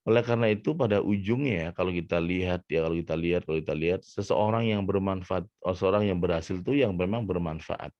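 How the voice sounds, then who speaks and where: A man who is a motivational coach, telling a story in an animated way during a talk. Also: low voice, quick pace, few pauses, no room sound. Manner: animated, acts out voices in his story. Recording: dull, muffled sound.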